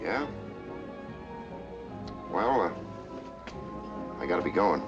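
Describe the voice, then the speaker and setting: A brusque, troubled police lieutenant from a 1940s film noir. His voice sits low and his talk is curt and evasive. The sound is a dull old soundtrack with music. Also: lively intonation, slow, exaggerated voice. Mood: guarded.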